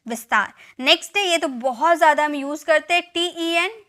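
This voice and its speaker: Speaking to viewers directly in a high, bright, pushed voice at a moderate pace, a woman runs a classroom-style English spelling lesson. She spells each word out letter by letter, repeats it, and checks on her learners frequently.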